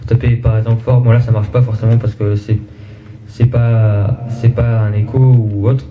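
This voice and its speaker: A man's voice: medium pitch, flat delivery, normal speed, highs cut off, noisy background. A man casually demonstrating a mixing desk at home, speaking into a desk microphone with many hesitations and filler sounds. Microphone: desk microphone plugged into the mixer.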